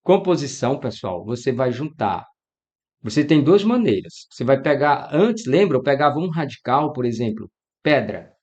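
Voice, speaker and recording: A Brazilian man teaches Portuguese grammar for exam preparation at a moderate pace and medium pitch. Lively in manner, he talks right to his students and dramatizes their questions.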